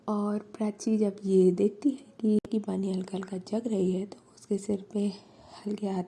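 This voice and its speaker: A woman storyteller and channel host narrating a romance in a soft, intimate whispered storytelling style. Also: medium pitch, vocal fry, breathy edge. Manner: soft and intimate, mixing English words.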